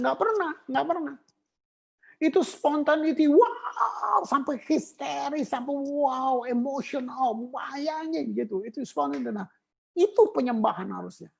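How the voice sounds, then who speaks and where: A woman preaching a sermon on worship, emphatic and animated, mixing in English terms. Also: on the high side, vocal fry, breathy edge.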